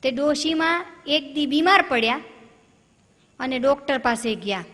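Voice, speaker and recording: A woman's voice: sits high, expressive, unhurried, fairly bright tone, long reverb tail. A woman comedian, telling jokes and stories straight to the audience in a chatty way. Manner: chatty, addresses the audience directly. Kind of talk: comic storytelling.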